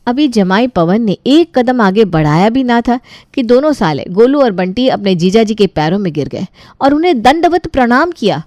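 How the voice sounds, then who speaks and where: A woman tells a cartoon family story in a chatty, direct way. Her voice is a little high, and the sound is dry and close. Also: expressive, moderate pace, a little mellow, no room sound. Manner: chatty, addressing listeners. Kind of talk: scripted narration.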